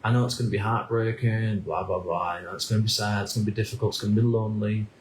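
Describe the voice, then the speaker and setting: A man in his thirties from the United Kingdom, talking through a reflective personal monologue in a halting way, often repeating words and restarting sentences. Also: fairly low pitch, steady tone, reverberant, slight background noise, low-quality recording. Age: 30s. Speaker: vlogger.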